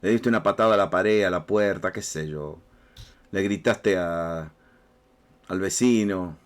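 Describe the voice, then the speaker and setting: Male pastor, Rioplatense accent, lowish voice, casual repetitive sermon delivery. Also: a little slow. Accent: Rioplatense Spanish. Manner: conversational, repeats words, speaks directly to listeners.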